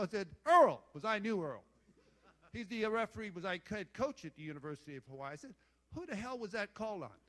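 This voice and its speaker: Older man, high-ish voice, profane, blunt former coach telling war stories at a dinner. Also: fairly bright tone. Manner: blunt, salty storyteller, swears and jokes with the crowd. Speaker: former football head coach giving induction speech. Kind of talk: rambling after-dinner speech with stories.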